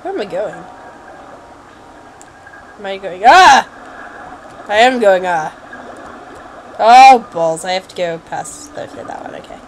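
A woman's voice: medium pitch, lively intonation, slow pace, long pauses, a little hiss or hum, poor audio. A woman giving casual, jokey let's play commentary, exclaiming and muttering to herself as she plays.

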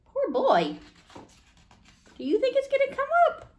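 Her voice is very high, with huge swings in pitch and a measured pace. She is a woman in her forties leading storytime in a small indoor room, reading a picture book aloud in simple phrases and questioning the children.

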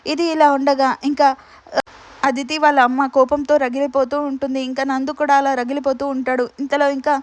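A woman retelling a TV serial episode in rapid storytelling, chaining each line to the next with repeated linking fillers. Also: high voice, little pitch movement. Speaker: serial recap narrator.

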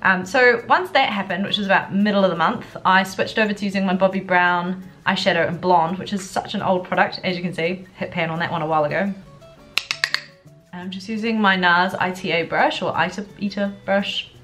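A young woman with a stuffy cold walks viewers through a makeup tutorial, chatting casually but a little subdued. Her low-ish voice is steady, brisk, and fairly bright, recorded indoors in a furnished living room at home with background music.

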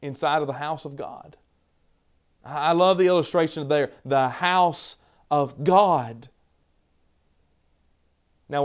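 A man in his thirties with a Southern American accent, preaching a televised sermon from a studio podium, building to loud emphatic repetitions. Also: a little high. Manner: emphatic, rising to loud repeated declarations.

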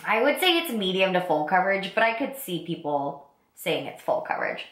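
Raspy-voiced young woman chatting makeup. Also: lowish voice, very animated, fairly quick, a bit bright. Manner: chatty, enthusiastic product talk. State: lingering cold, slightly raspy congested voice. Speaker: beauty vlogger. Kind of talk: casual get-ready-with-me makeup talk. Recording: roomy echo.

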